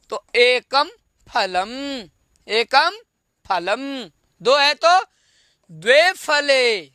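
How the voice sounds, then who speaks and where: Slow, bright-voiced patient teacher. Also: high voice, no room sound. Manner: patient drilling, repeats each form and quizzes the pupils. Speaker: Sanskrit teacher. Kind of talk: online class lesson.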